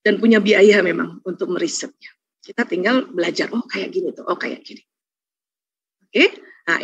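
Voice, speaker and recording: A woman giving a lively religious talk, acting out little scenes and laughing often. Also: mid-range voice, slightly rough, no echo. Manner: lively, acts out quoted voices, laughs often. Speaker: speaker at an Islamic study program. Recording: dull, dry lo-fi sound.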